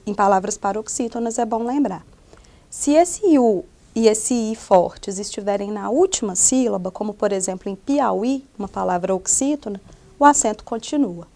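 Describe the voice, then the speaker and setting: A woman's voice: medium pitch, moderate pace, gravelly, mellow. A young adult woman from Brazil with a Brazilian Portuguese accent, presenting a lesson in an explanatory way with frequent hesitation fillers. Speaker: student presenter. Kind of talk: recorded classroom lesson.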